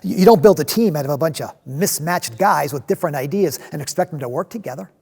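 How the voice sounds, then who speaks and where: A man performs a fervent zealot disciple, a restless man of action, in a dramatic stage monologue. The voice sits fairly high for a man, with a gravelly, husky grain. He tells his story haltingly, doubling back on words and leaning hard on the ones that matter. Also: animated, darkish tone. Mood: earnest, fervent. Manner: halting, emphatic delivery with repeated words and swells.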